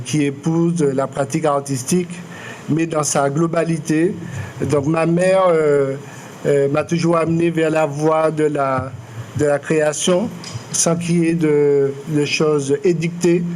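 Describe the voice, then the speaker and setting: Hesitant Martinican man, higher voice. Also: a little mellow, a little hiss or hum. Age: 40s. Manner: measured, many fillers and restarts. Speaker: artist interviewed. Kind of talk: public interview, hesitant and reflective. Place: lecture room.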